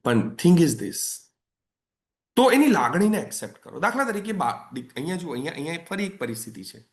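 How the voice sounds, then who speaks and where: This is a man running an online parenting session. His voice sits slightly high for a man, and his delivery is chatty and persuasive. He keeps circling back to the same phrases for emphasis. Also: sing-song, a little fast. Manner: conversational, coaxing, repeats phrases for emphasis. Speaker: parenting coach. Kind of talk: webinar talk.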